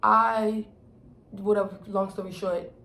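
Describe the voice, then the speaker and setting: A young adult woman vlogger telling a personal story in casual, animated slang, acting out what people said. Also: medium pitch, takes it slowly. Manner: animated storytelling, acts out quotes, heavy slang and swearing. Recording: roomy echo with faint background noise.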